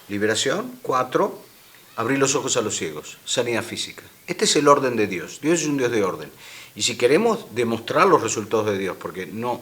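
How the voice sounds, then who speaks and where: In a radio studio interview, a guest speaker with an Argentine Spanish accent earnestly explains his teaching. His voice is medium-pitched and a bit bright.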